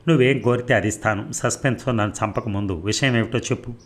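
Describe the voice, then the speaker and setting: A man reads a young husband full of eagerness in a novel audiobook. The voice is low-set and plain, hardly changed from the reader's own. Lines come with easy storybook delivery. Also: quick pace, close to an everyday voice. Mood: eager.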